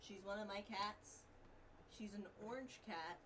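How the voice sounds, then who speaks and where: A woman's voice: mid-range voice, a little slow, fairly bright tone. A woman giving casual live commentary as she streams a game, with fan noise behind her. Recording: noisy fan, distant mic.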